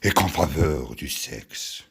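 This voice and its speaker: Man acting a deep, slow, grand tragic king. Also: expressive, gravelly, breathy edge, heavily acted. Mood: resolute command. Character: proud victorious king and war leader, grave and lofty. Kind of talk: classical French verse tragedy, grand tragic stage declamation.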